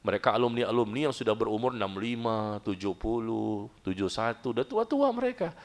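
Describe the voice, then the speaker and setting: Very animated and a little fast, a middle-aged man delivers a funny sermon to a study group, cracking jokes and often jumping high in pitch for emphasis.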